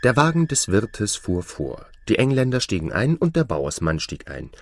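A man narrating a fairy tale for an audiobook, slow and very expressive, on a close studio mic. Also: on the low side, very noisy.

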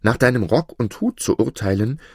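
Male reader voicing a young Egyptian boy, homesick and pleading, raised voice, lively lilt, dry close sound. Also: mid-range voice, moderate pace, husky, no room sound. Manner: pleading, earnest.

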